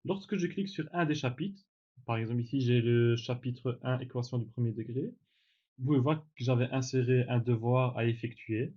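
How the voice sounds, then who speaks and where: A man teaching in a relaxed tutorial, demonstrating software step by step with frequent fillers and self-corrections. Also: mid-range voice, normal speed, dull audio. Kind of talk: screen-recorded tutorial.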